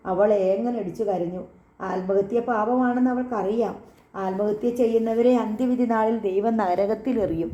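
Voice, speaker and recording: A woman narrates an audiobook with steady, earnest storytelling. Her voice is dark and mellow, and it carries a noticeable room echo. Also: medium pitch. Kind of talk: scripted audiobook narration with character dialogue.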